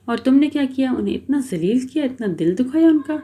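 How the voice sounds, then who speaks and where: Sarcastic young wife bossing her husband around, a lady reading it out, mellow voice. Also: medium pitch, gravelly, close to an everyday voice. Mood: scolding. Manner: mocking, taunting. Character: sharp-tongued young wife, teasing.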